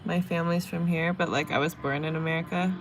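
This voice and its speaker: Talking fast in a fairly low voice with fairly even intonation, a young San Diego, California woman does her makeup and reads tarot for livestream viewers, chatting casually with them. She's at home in Vietnam, and faint background noise can be heard.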